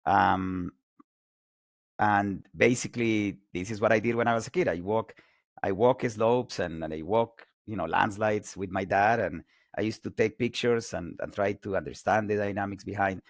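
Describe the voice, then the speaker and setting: Colombian-born guy in his 40s lecturing online, low gravelly voice, dry sound, lots of energy. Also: moderate pace, no echo. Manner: energetic, self-correcting repeats. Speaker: guest lecturer.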